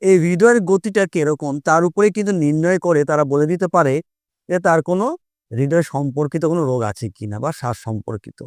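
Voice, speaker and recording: A man with a fairly high, smooth voice teaches a lesson, explaining patiently and going back over each point. He breaks into short children's rhymes to show how they move. The sound is dry and close, with no room echo. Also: quick pace.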